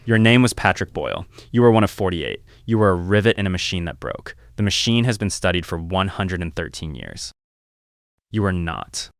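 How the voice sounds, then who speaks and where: Low, grave male storyteller. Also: animated, vocal fry, no room sound. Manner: measured, grave, deliberate. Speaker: narrator. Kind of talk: second-person scripted story narration.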